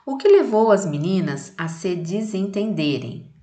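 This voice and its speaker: A woman's voice: mid-range voice, very animated, a little slow, mellow, roomy sound. A Brazilian woman teaching a lesson and reading a children's poem aloud, explaining to the class with frequent "né" and "tá".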